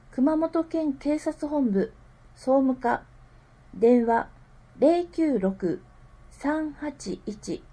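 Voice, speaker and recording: A woman reading scripted public information aloud with careful, measured enunciation. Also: high voice, mellow, low-quality recording. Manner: careful enunciation, digits read out slowly one group at a time. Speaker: reader of a town newsletter.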